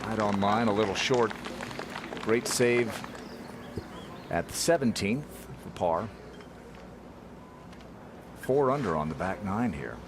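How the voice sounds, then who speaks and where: Male golf play-by-play announcer, lowish voice, clear outdoor background noise. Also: lively intonation, takes it slowly, pauses often. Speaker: golf commentator. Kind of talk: television golf commentary. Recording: loud outdoor course noise.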